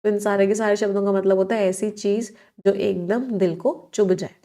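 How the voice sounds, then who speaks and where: A woman's voice: medium pitch, fairly even intonation, moderate pace, dark tone. Woman teacher, exam-prep vocab lesson, mixes Hindi and English, quizzes the class. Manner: explains words in Hindi mixed with English, asks the class questions.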